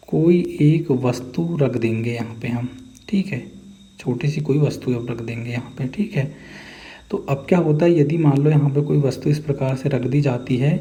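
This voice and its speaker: A man's voice: medium pitch, mellow. A man with a Hindi accent teaching a chemistry class. He explains step by step, checks in often to ask if the class follows, and answers his own questions. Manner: explains step by step with constant "theek hai" check-ins. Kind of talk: chemistry lesson. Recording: echoey room with long reverb, faint background noise.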